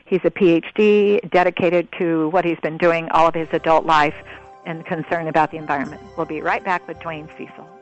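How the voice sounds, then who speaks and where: A woman hosting a conversational radio interview, with rambling, halting phrasing. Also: sits low, steady tone, over music. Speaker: radio show host. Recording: dull lo-fi radio sound.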